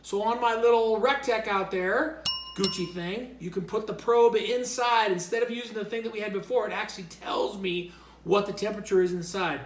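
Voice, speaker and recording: A man's voice: high voice, moderate pace, reverberant, a little hiss or hum. A man co-hosting a cooking show, explaining the steps in upbeat, joking banter. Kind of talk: casual cooking demo banter.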